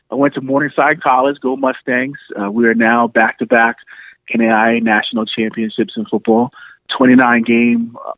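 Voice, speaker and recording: A man's voice: mid-range voice, no echo. A man in his thirties from New York City, telling stories with easy laughs in a casual phone chat. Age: 30s. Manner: relaxed storyteller, laughs often. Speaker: podcast guest. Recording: tinny phone line.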